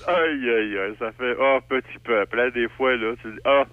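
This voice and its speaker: A man, bantering as a radio co-host with quick, chatty interjections. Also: mid-range voice, no echo, narrow, tinny audio.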